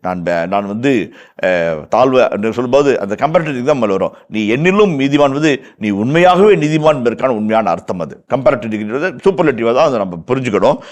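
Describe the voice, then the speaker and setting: Impassioned Tamil-accented priest teaching scripture. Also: male voice, mid-range voice, big pitch swings, fast, hardly any pauses. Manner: impassioned, repeats phrases for emphasis, acts out quoted lines. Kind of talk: verse-by-verse Bible teaching.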